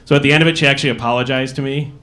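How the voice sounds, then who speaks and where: A man with an Upper Midwest American accent doing a stand-up routine on a comedy club stage, telling dry, wry stories with quick asides. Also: mid-range voice, steady tone, fairly bright tone.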